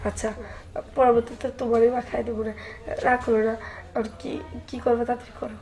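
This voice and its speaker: A woman's voice: a little high, level tone, a little fast, a little mellow, natural voice. A woman playing a young bride married to an old man, coy and evasive in a comic drama. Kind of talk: comic audio drama acting.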